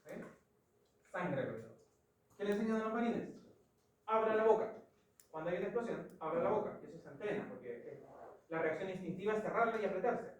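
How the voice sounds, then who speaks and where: A woman's voice: medium pitch, animated, fairly quick, long pauses, a little mellow, recorded from a distance. A woman with a Chilean accent teaching an anatomy class, explaining step by step and putting questions to the students. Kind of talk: classroom lecture. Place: large classroom. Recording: echoey classroom from afar.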